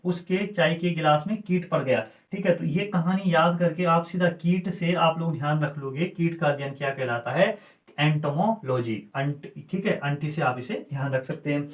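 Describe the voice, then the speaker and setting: A man's voice: fairly high pitch, moderate pace. A male teacher giving an exam-prep lecture, repeating key terms and asking and answering his own questions. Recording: echoey room.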